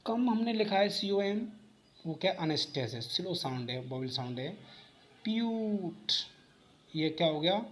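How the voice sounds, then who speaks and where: A man's voice: on the high side, expressive, moderate pace. Man teaching, asks and answers himself. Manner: explains step by step, asks and answers own questions. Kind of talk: exam-prep lecture.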